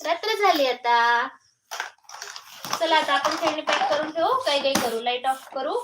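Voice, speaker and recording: A woman's voice: sits high, expressive, unhurried, very noisy. A woman, a mother, hosting a casual live stream from home, coaxing her toddler in sing-song baby talk and chatting with viewers.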